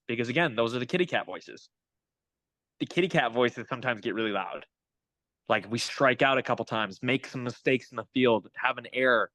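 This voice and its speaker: A man's voice: medium pitch, pushed and bright, no room sound, rough recording. A young adult man, a hitting coach, talking as a guest in a casual interview, upbeat and motivational. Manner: upbeat, motivational, pep-talk phrasing.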